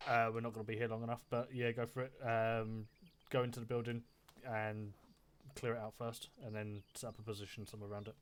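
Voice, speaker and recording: A man's voice: fairly low pitch, level tone, fairly quick. A man casually giving orders as squad leader in a military game, informal and sweary, over faintly noisy voice chat.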